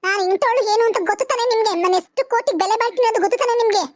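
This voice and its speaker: A woman's voice: very high-pitched, racing, dry recording, studio quality. A woman voicing a proud, boastful young woman in a cartoon. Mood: scornful. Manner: boastful, scornful. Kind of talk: cartoon voice acting.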